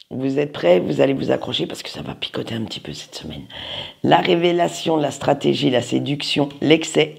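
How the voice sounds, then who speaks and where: A card reader with a very gravelly, husky voice talks straight to viewers in a weekly tarot reading. The delivery is slow but lively, swooping up and down in pitch, with a playful, chatty manner that often searches aloud for the right word. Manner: talks straight to viewers, peppering lines with "hein".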